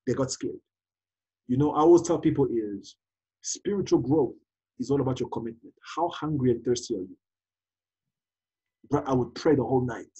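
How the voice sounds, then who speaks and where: A man's voice: medium pitch, moderate pace, long pauses, breathy edge, dull audio. A man raised in South Africa, speaking as a prophet in a casual conversation, full of exclamations, fillers and restarts. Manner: animated, exclaims often, many fillers and restarts. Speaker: prophet guest.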